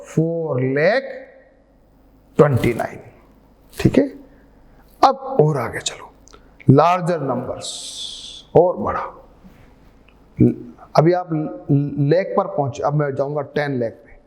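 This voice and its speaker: A man teaches a maths class in a fairly high voice. He talks at a slow, deliberate pace, breaking each step down and putting questions to the students as he goes. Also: a little mellow. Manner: explains slowly step by step, asks students questions.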